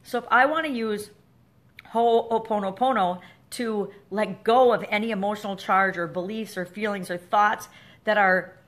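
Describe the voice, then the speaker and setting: A woman's voice: medium pitch, steady tone, normal speed, a bit bright. Middle-aged woman coach, chatty and earnest, casual teaching talk. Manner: chatty and earnest, laughs now and then. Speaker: wellness coach.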